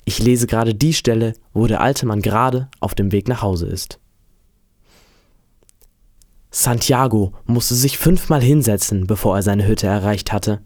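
A man reading a novel aloud in a calm, steady storytelling manner. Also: on the low side, moderate pace, hardly any pauses, no room sound, studio quality. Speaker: reader.

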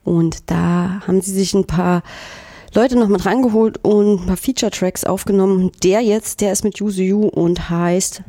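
A woman's voice: mid-range voice, fairly even intonation, normal speed, dark tone, dry recording, clean studio sound. A woman hosting a radio magazine, talking casually with frequent hesitation fillers. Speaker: radio host. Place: radio studio. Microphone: studio microphone.

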